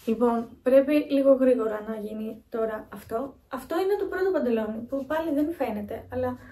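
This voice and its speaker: A woman's voice: fairly high pitch, dark tone, slightly rough. A young woman vlogging in a chatty, rambling way, talking straight to her viewers on a phone held at arm's length. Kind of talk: casual vlog chat.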